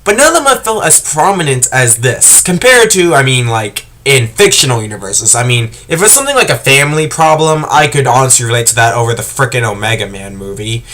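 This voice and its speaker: A man's voice: mid-range voice, very animated, a little fast, hardly any pauses, fairly bright tone. A man vlogging to camera, tearful and choked up, rambling and hesitant with many restarts. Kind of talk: emotional casual monologue to camera.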